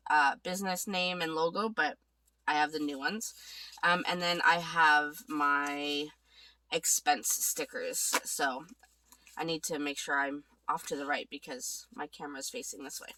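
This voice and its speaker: A vlogger still congested from a cold chats about her weekly budget while working through her planner, thinking aloud as she goes. Her voice is low-pitched, pushed, and bright.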